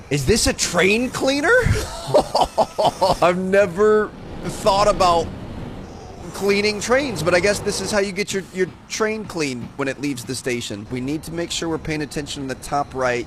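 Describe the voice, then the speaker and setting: Slight background noise sits under this medium-pitched young man as he hosts his gaming channel. His commentary while playing is relaxed and chatty, sprinkled with frequent "dude"s.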